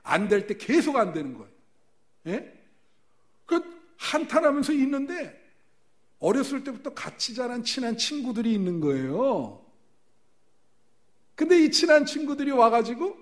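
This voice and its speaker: A male pastor preaching a sermon, telling stories with lively rhetorical questions to the congregation. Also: extremely high pitch, unhurried, long pauses.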